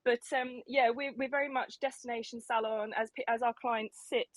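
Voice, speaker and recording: A woman's voice: a little high, fairly even intonation, moderate pace, dry recording. A woman, a salon owner chatting casually, slightly out of breath, with many ums and restarts. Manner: rambling, lots of ums and restarts. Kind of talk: casual chat on an audio room.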